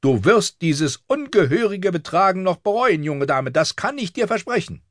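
A man's voice: fairly high pitch, animated, a little slow, no room sound, clean studio sound, voice pushed up. A man voicing a strict older governess who scolds and commands in an audiobook. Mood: furious.

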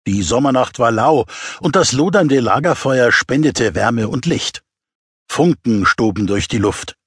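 A man's voice: medium pitch, husky, no echo, clean studio sound. A man narrating an audiobook in a wry, chatty storytelling manner with asides.

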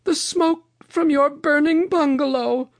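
A reader voicing Mother Goose, a kindly old storybook lady with a dramatic, drawn-out way of exclaiming. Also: high voice, no echo, pitched above the performer's own voice. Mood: grave.

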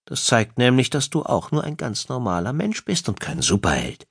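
A man's voice: mid-range voice, huge pitch swings, moderate pace, slightly rough, dry recording, studio quality, pitched above the performer's own voice, exaggerated voice. A man voicing a teasing young wife. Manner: playful, needling, then caring. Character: teasing affectionate wife, adult woman. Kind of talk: audiobook dialogue.

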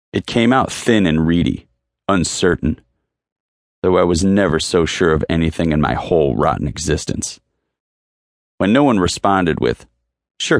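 A man's voice: sits low, no echo, clean studio sound. A man narrating an audiobook in the first person, brooding and intense, leaning hard on repeated phrases. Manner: brooding and intense, with emphatic repetitions.

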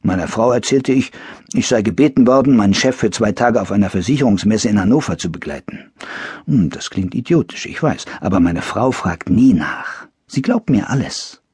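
Husky man with lively narration. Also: lowish voice, normal speed, dry recording. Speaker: audiobook narrator. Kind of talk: first-person scripted narration.

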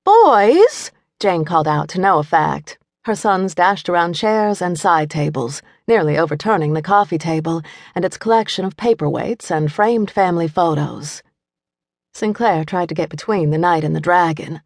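A woman reading a mystery audiobook in clear, even scripted narration. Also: fairly low pitch, normal speed, no echo, clean studio sound. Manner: clear, even storytelling, playful voices for the mother.

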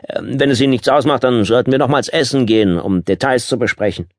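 An irritable, smug businessman husband in an audiobook, voiced by a man, condescending and falsely jovial, his voice pushed a little higher. The recording is close and dry. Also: quick pace, no room sound, natural voice. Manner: herablassend, am Telefon aufgesetzt jovial. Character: gereizter, selbstgefälliger Ehemann und Geschäftsmann.

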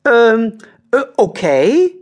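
A man's voice: huge pitch swings, drawn-out words, darkish tone, exaggerated voice. A man doing a timid, stammering kind man. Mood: unsure. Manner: hesitant, stammering, high and unsure. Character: timid, kindly, hesitant grown man.

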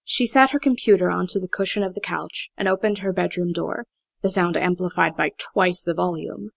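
A woman reading an audiobook aloud in a steady, measured way, with a heavy vocal fry. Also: fairly low pitch, no echo. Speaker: audiobook narrator. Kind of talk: scripted audiobook narration.

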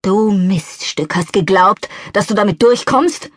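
A woman's voice: mid-range voice, unhurried, dry recording, studio quality, close to an everyday voice. A woman voicing a furious, scornful middle-aged society wife in an audiobook. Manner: shrieking, scornful. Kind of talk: audiobook character voice.

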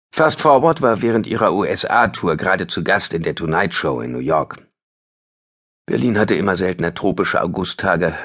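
A man narrating a thriller audiobook in a tense, dramatic scripted reading. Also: low-pitched.

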